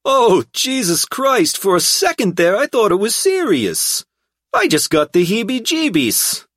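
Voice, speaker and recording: A man reading an audiobook voices a brash, sneering mob lawyer in a loud, high-pitched, dismissive tone. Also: big pitch swings, unhurried, no echo, clean studio sound, full character voice. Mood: relieved.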